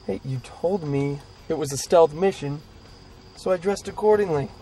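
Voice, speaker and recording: A man's voice: fairly high pitch, normal speed, dark tone, a little hiss or hum, close to an everyday voice, rough recording. An actor playing a nerdy young man who rambles eagerly and goofily about his gear. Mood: defensive. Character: nerdy, over-prepared young man, goofy sidekick.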